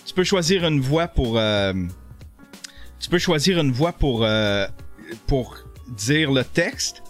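A middle-aged Québécois man streams live, riffing casually on a video with jokey, animated energy and tripping over his words. His pitch is medium and his pace slow, with faint music playing underneath.

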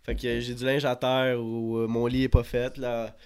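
A man's voice: mid-range voice, flat delivery, moderate pace, smooth. A young man with a Québécois accent, co-hosting a casual podcast and telling stories with lots of slang and swearing. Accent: Québécois French. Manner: laughing storyteller, heavy slang swearing. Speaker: podcast co-host. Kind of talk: casual chat among friends.

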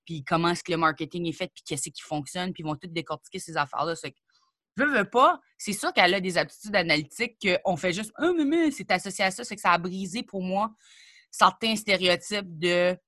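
A young Acadian woman from New Brunswick, Canada, a comedian and rapper, chats as a guest in a relaxed interview, darting into quick asides. Her fairly low voice is bright and forward with an Acadian French accent. The sound is dry and close, with almost no room echo.

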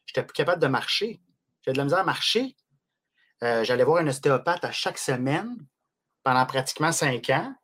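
A man in his late twenties with a Québécois French accent, telling stories in a casual chat as a podcast guest, rushing through them with lots of restarts. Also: medium pitch. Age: late 20s. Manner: rapid, animated storytelling with frequent restarts.

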